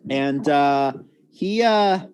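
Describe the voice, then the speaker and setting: A man running a tabletop game as game master, narrating the action with a relaxed, laughing manner and frequent self-corrections. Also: a little high, very slow, smooth. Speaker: dungeon master.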